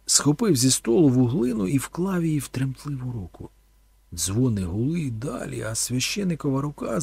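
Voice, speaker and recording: Gravelly-voiced male audiobook narrator. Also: medium pitch, no room sound. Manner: dramatic, lively storytelling.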